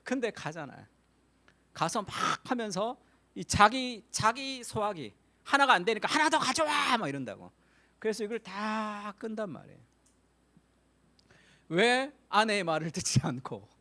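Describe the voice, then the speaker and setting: A middle-aged man preaching a Sunday sermon in a high voice. His pitch swings widely as he tells stories. He acts out the voices of the people in them. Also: normal speed, long pauses. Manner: animated storytelling, acts out quoted voices. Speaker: pastor.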